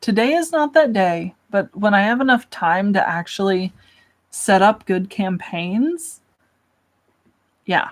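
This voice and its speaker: A woman's voice: medium pitch, lively intonation, slow. A young woman hosting a casual livestream, chatting and answering questions from chat in a self-deprecating way.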